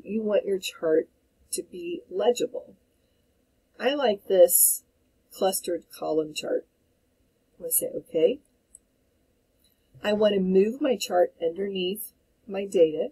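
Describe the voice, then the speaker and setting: Mellow, husky woman teaching software. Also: fairly low pitch, poor audio. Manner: calm step-by-step explaining. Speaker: instructor. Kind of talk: screen-recorded software tutorial.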